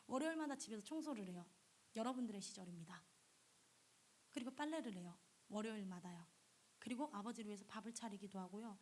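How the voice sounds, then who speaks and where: A woman preaching to a high school youth group, telling a story softly and often dropping into a whisper. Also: slight background noise. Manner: storytelling with soft, whispery passages, voicing quoted prayers. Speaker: youth pastor. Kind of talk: youth sermon.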